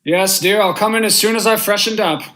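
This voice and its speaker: A young man with a high, fairly quick and slightly bright voice plays a stern judge and narrator in an old-time radio drama. His delivery is formal, measured, polite and controlled. The character is an unmoved male judge who is also a husband and a brooding narrator.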